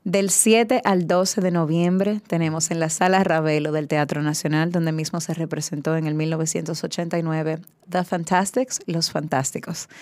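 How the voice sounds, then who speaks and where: Effusive actress, lower voice. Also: female voice, a little mellow. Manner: effusive, enthusiastic. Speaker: actress and guest. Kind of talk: casual radio interview.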